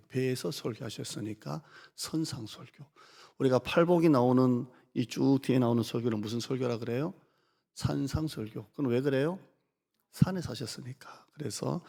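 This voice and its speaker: A middle-aged man delivers a Sunday sermon with a gravelly, slightly husky voice. He talks to the congregation like a conversation, tossing out questions and slipping into quoted lines. The sound carries the long reverb of a church sanctuary. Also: mid-range voice, darkish tone. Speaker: pastor.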